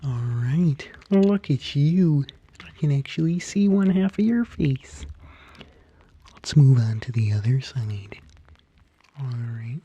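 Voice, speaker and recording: A performer voicing an excitable, gentle male puppet frog as a hairdresser in a soft, soothing, halting ASMR roleplay. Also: medium pitch, husky, dull audio. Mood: gentle, encouraging. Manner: soothing, fussy, halting murmur with oohs and hmms.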